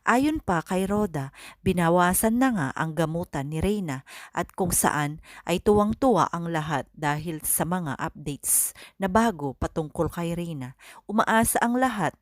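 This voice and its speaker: A Filipino woman hosts a narrated update vlog with a lowish voice. She delivers it like a news report and lifts into excited exclamations. The sound is dry and close. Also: a little slow, no echo. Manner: upbeat news-style narration with rising exclamations. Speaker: channel host giving updates.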